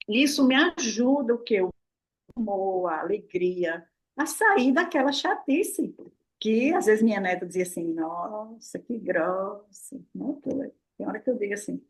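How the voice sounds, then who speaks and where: An older woman gives a relaxed, playful talk as a therapist. She keeps tossing in little questions and answers them herself, in a warm, chatty back-and-forth. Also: medium pitch. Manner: lively, playful, full of "né?" and rhetorical "o quê?". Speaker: therapist and guest speaker. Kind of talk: casual explanatory talk to a live online audience.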